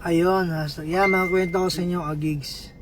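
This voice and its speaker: A man livestreaming, chatting with viewers, giving shoutouts and telling a joke story in a casual, playful way. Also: high voice, fairly even intonation, normal speed, background noise. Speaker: livestream vlogger.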